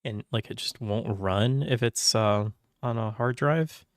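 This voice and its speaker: Slow-talking man rambling on a livestream. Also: fairly low pitch, no echo. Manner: rambling, confused, often laughs and clears his throat. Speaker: livestream gamer. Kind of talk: casual livestream chat. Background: soft background music.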